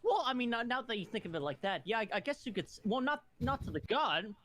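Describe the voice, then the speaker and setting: A man's voice: extremely high pitch, big pitch swings, fast, fairly bright tone, no room sound. A man chatting as a player in a tabletop game, stammering hesitantly and repeating his words. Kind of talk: casual in-game chat.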